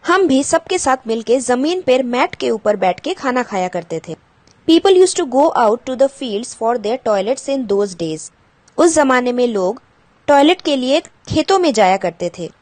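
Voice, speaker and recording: A woman's voice: fairly high pitch, very animated, slow pace, a little mellow. A woman teacher patiently explaining a school textbook chapter to children, glossing English words and asking the pupils questions.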